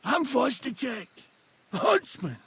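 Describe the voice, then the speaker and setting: A gravelly, slurring town drunk of a huntsman in a video game. He drags his words in a creaky, raspy voice, cursing and pitying himself over his injury. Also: extremely high pitch, sing-song, slow, sharp tone, no echo, shouting, exaggerated voice. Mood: drunken, rambling. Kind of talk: video game character acting.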